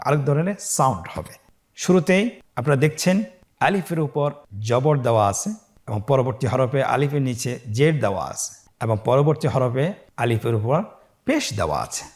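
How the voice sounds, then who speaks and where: Man, Bangladeshi Bengali accent, Quran teacher, step-by-step lesson, patient, slow drawn-out syllables, mid pitch. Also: darkish tone. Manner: slow drawn-out syllables when sounding out letters; patient and encouraging. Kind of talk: step-by-step lesson, learners repeat after him. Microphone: facing the camera on screen.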